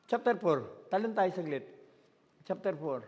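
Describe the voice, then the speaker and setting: A Filipino man preaching a sermon as pastor, searching aloud for words and rising to shouted declarations. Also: high-pitched, lively intonation, a little slow, lo-fi sound. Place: church hall. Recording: long church hall reverb.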